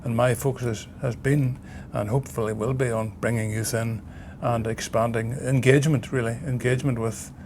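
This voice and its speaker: Mid-pitched man in casual interview. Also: little pitch movement, moderate pace, few pauses, noisy background. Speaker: president of a national radio society. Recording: faint room ambience behind.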